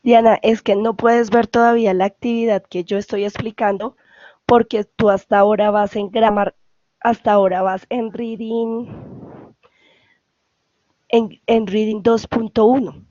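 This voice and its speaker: A woman's voice: fairly high pitch, fairly even intonation, measured pace, warm tone, dry recording, highs cut off. A woman with a Colombian Spanish accent, an English tutor patiently explaining grammar over a video call and often checking for questions. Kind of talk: online class explanation.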